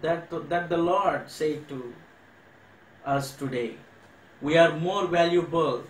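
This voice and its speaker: A man with an Indian English accent preaching a sermon, earnestly repeating phrases and slowing down to stress key words. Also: fairly high pitch, roomy sound, rough recording. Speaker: pastor. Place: church hall.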